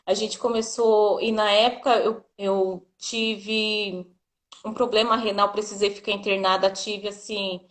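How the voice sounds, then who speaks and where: A woman's voice: mid-range voice, a little slow. A woman, a doula, telling a personal story as an interview guest and acting out the dialogue she quotes. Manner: lively narration that often acts out quoted dialogue, frequent "né".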